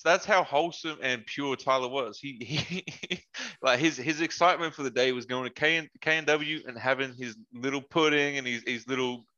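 A young man, a former basketball player, telling stories in a relaxed podcast chat and acting out what his friends said. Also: medium pitch, normal speed, dull audio. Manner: animated storyteller, quotes friends in their voices, laughs often. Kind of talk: casual podcast chat, storytelling.

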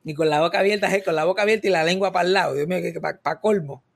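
A man's voice: high-pitched, rapid-fire, creaky. A man with a Puerto Rican accent telling comic stories in a casual chat, slipping English words into his talk. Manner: animated comic storytelling, mixing in English words.

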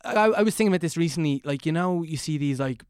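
A man's voice: a little high, animated, fast talker, a little mellow, clean tone, no room sound, clean studio sound. An Irish man in his twenties hosting a podcast, rambling with lots of filler words while asking probing questions. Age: 20s. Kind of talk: casual podcast chat.

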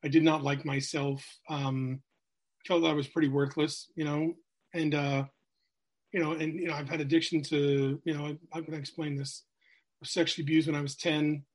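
A middle-aged man from New Hampshire, USA, a sales coach, tells his life story as a guest on a podcast. His voice sits on the high side and stays level, at a normal pace. He's candid and rambling, with lots of filler words.

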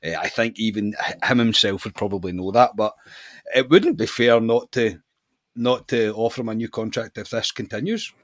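A Scottish man co-hosting a casual football podcast, talking in a thoughtful, measured way. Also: fairly low pitch, a bit bright, no echo, studio quality. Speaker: podcast co-host.

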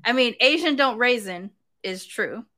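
Bright-toned laughing woman host. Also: fairly high pitch, measured pace. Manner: animated, laughs often. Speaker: podcast host. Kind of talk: casual interview chat.

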